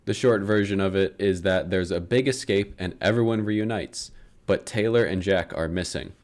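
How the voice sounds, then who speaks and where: A young man with a lowish voice retells a book's story as comedy, dry and sarcastic, swearing and chuckling at his own jokes. He reads from a script at normal speed but keeps it loose and chatty, as a comedic book summarizer.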